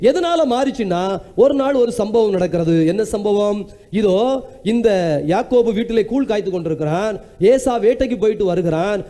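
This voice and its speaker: A priest preaches in a church. His voice sits very high for a man yet sounds mellow and warm. He quizzes his listeners and then booms out proclamations. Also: expressive, a little fast. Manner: asks the congregation questions and swings from soft asides to loud proclamation. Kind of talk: sermon.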